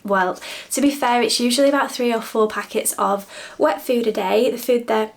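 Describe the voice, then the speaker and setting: With a gravelly, slightly high voice at normal speed, a young woman chats through her day with her cats in a casual vlog. She's a bit sniffly from a cold and keeps laughing.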